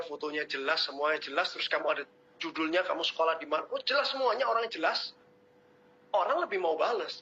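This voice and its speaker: A man giving a motivational webinar talk, lecturing and teasing his audience in an animated way. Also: on the high side, slight background noise. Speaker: webinar speaker. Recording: muffled webinar audio.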